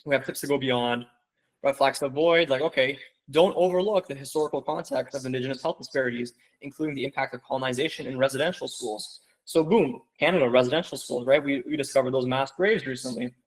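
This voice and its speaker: A man's voice: mid-range voice, fast, low-quality recording. A young adult man coaching applicants in an online info session, talking casually and emphatically with lots of rhetorical questions. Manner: casual, conversational. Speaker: medical school interview coach.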